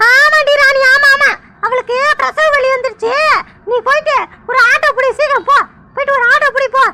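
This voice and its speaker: A woman voicing a bossy old grandmother who gives shrill, urgent orders. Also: fairly even intonation, a little fast, bright, forceful tone, a little hiss or hum, heavily acted. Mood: urgent, fussing. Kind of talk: cartoon voice acting.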